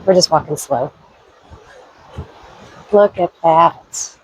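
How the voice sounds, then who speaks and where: Woman vlogger, raspy and congested from a cold, upbeat trail chatter, dry close sound. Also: deep voice, slow, no echo, poor audio. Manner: chatty, upbeat, pointing things out. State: head cold, stuffy. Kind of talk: casual hiking vlog. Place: outdoors on a forest trail near a waterfall.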